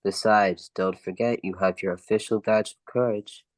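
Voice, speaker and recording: A man's voice: on the low side, fairly even intonation, moderate pace, no echo, natural voice. A man playing a proud, loyal, wry Tin Woodsman in an amateur radio play. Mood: proud, encouraging.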